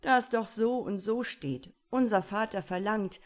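A woman reading a fairy tale aloud, voicing a weeping young prince in a high, pleading voice. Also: measured pace, natural voice. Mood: plaintive. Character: sobbing young prince, plaintive and helpless.

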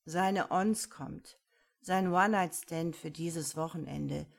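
A woman voicing a grumpy, cheeky male kitchen goblin who talks slowly and gruffly. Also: low voice, exaggerated voice. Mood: grumbling. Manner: slow, gruff and resigned.

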